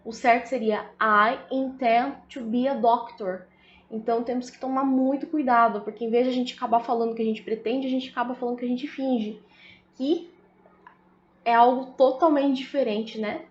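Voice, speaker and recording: A woman's voice: on the high side, fairly even intonation, darkish tone, a little hiss or hum. A woman with a Brazilian Portuguese accent, explaining a language lesson in a casual way and often checking in with her listeners. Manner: explains slowly, often adds "né?" and "tá?". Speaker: English teacher. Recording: echoey room, slightly dull audio.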